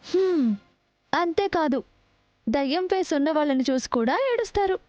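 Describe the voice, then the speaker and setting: A woman's voice: high voice, animated, normal speed, darkish tone, no echo, highs cut off, soft background music. An actress playing a cheerful young wife who teases her husband in a TV serial. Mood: teasing. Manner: playful, teasing. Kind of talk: TV serial acting.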